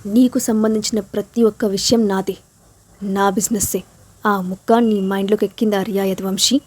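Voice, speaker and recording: A possessive young man whose voice runs fierce and cold, then softens with love, as a woman reads him in a storybook. The tone stays warm and mellow, with an even, everyday pitch. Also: moderate pace, natural voice. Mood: menacing.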